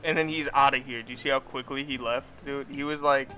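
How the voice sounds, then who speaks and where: A young man streaming a hockey game with friends, yelling at the game, swearing and laughing as he plays. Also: mid-range voice, fairly even intonation, brisk, loud music behind the voice. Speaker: gaming streamer. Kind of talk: excited gameplay chat.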